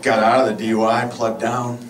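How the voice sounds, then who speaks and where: A man doing a stand-up comedy set, telling self-mocking stories in a deadpan way and slipping into quick quoted voices. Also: mid-range voice, noisy background. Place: comedy club stage with live audience. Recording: roomy club recording, far mic, loud crowd laughter.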